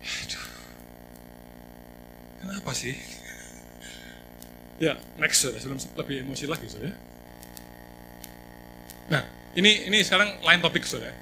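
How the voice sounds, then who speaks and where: A man delivers a sermon in a lively, storytelling manner, joking and talking straight to his listeners. His voice sits a little high. The recording carries a clear layer of background noise. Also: normal speed, long pauses. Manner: animated, jokey, addresses listeners as 'saudara'. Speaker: preacher.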